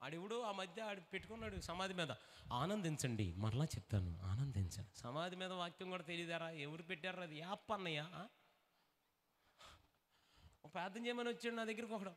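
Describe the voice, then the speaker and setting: A man preaching a lively revival sermon, calling for responses and acting out short comic dialogues. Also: high voice, a little fast, pauses often, long reverb tail, a little hiss or hum. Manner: animated, acts out dialogues in put-on voices, calls for responses.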